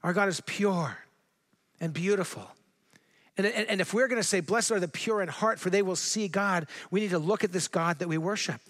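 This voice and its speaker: A middle-aged man from Southern California, a pastor delivering a sermon in a conversational way, slowing down to read scripture with emphasis. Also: sits high, fairly bright tone.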